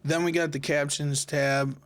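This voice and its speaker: A man hosting a casual software tutorial, talking viewers through each step in a relaxed, conversational way. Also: fairly high pitch, a little slow, no room sound, studio quality. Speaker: tech tutorial host. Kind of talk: screen-recorded software tutorial.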